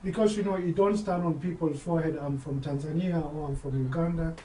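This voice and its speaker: A man's voice: fairly high pitch, fairly even intonation, a little fast, warm tone, slight background noise. A man who works as a DJ, talking in a casual interview, hesitant and often repeating words while he thinks. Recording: roomy sound, voice far from the mic, faint background ambience.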